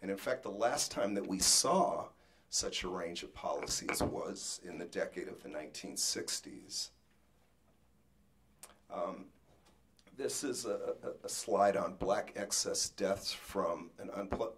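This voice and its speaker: A man giving an academic talk with slides as a panelist, pausing often and restarting his words. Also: low voice, a bit bright. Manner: halting, frequent restarts and fillers; jokes about rushing.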